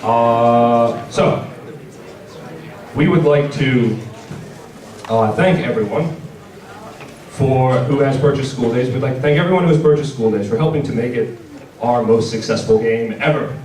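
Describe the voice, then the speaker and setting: At a measured pace with frequent pauses, a man with a medium-pitched, slightly mellow voice gives a casual, wry product presentation while hosting a panel. The distant mic catches a roomy large indoor convention space and the audience crowd.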